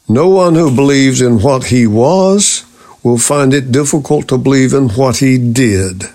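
A middle-aged man giving a scripted radio teaching on faith, measured and deliberate, citing scripture references. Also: medium pitch, darkish tone.

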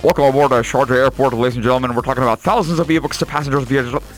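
A man's voice: steady tone, soft background music. A male radio host putting on a formal airline captain's voice, making a slightly distant pilot cabin announcement. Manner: low, slow, formal announcer delivery. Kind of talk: playful impression on radio talk show.

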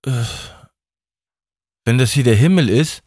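A man voicing a sleepy, sharp-tongued young woman who is drowsy and calculating. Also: mid-range voice, lively intonation, measured pace, husky, no room sound, clean studio sound, pitched above the performer's own voice. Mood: drowsy sly. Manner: drowsy, then demanding.

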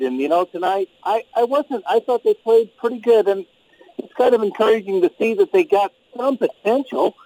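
A man's voice: high-pitched, a little mellow, rough recording. A retired man in his sixties from St. Louis, calling in to a radio show on speakerphone from outdoors in a swimming pool. He talks in a rambling, friendly way with lots of ums and you-knows. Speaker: radio call-in caller. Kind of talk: casual call-in chat.

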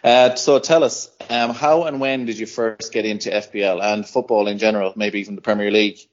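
A man's voice: lowish voice, fairly even intonation, a little fast. Joking man hosting a podcast. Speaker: podcast host. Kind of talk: casual podcast interviewing. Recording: dull lo-fi podcast audio.

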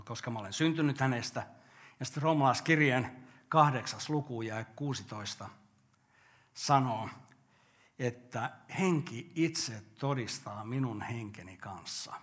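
A man's voice: medium pitch, fairly bright tone. Older man preaching earnestly. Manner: earnest, with rhetorical questions. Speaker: pastor. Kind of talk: sermon.

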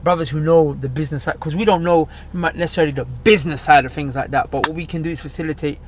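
A man's voice: on the high side, steady tone, fast, background noise. A man with an urban London roadman accent chatting casually in emphatic, repetitive street slang. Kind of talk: casual chat.

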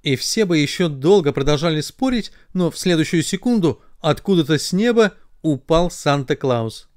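A man, a father, reading a children's fairy tale aloud in a lively, expressive way. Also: fairly high pitch, normal speed.

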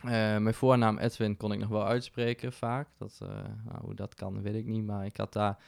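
A man's voice: on the low side, flat delivery, moderate pace, vocal fry, darkish tone, no room sound, clean studio sound. A man talking as a podcast guest in casual conversation, reflective, with frequent fillers and restarts. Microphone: podcast microphone.

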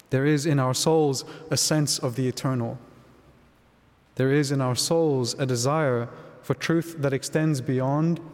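A man, a priest, giving a Gospel reading and homily in a measured, solemn way, in a large echoing church. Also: medium pitch, a little mellow. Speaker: priest preaching at Mass. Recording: long cathedral-like echo, large reverberant space.

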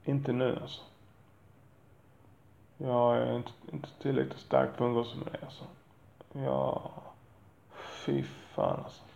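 A man's voice: medium pitch, little pitch movement, vocal fry, long pauses, a little mellow, echoey room, lo-fi sound. A man talking frankly about being a father, in a blunt, profane and rambling way with self-deprecating asides. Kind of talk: candid monologue.

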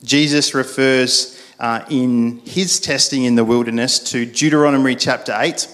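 A man's voice: medium pitch, steady tone, moderate pace, fairly bright tone. A male pastor, giving a sermon in a casual storytelling way, with frequent fillers and restarts.

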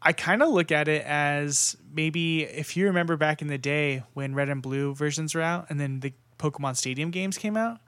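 A man's voice: fairly high pitch, moderate pace, hardly any pauses, a bit bright, dry recording. Chatty young man hosting a podcast. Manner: chatty, lots of fillers and restarts. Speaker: podcast host. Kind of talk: casual chat.

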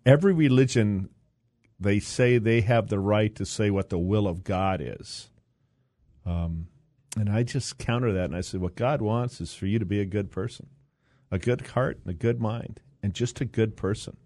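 A man's voice: fairly low pitch, normal speed, mellow, no echo. An older man, a guest in a casual interview, telling stories in a rambling way with many fillers and restarts. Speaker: interview guest, university board president.

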